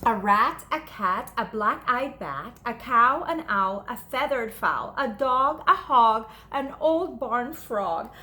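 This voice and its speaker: A woman teacher reading a children's story aloud in an expressive, rhythmic, dramatic delivery. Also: on the high side, slow, hardly any pauses. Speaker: teacher reading to second graders.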